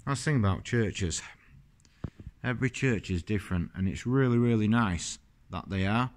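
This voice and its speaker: A rambling, chatty man gives a casual walking-tour commentary. His voice sits fairly low, and he talks to the camera in an easy, admiring way. He is filming on a handheld phone inside an old stone church. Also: moderate pace. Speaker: vlogger.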